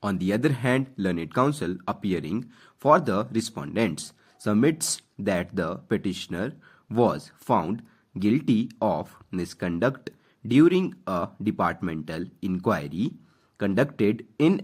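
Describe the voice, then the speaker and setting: An Indian-accented man reads formal text as slow dictation for shorthand practice. His voice is low and rough-edged, and his pitch moves up and down noticeably as he delivers short, deliberate phrases with spoken punctuation. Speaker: dictation instructor reading for stenography practice. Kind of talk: slow school dictation, reading legal text aloud.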